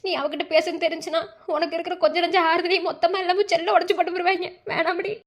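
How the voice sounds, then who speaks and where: ஒரு பெண் பேசும் கெஞ்சும் மதுரை வட்டார அம்மா. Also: female voice, very high voice, little pitch movement, fast talker. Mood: pleading. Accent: Madurai Tamil. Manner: pleading, tearful. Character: anxious loving middle-aged village mother. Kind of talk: cartoon voice acting.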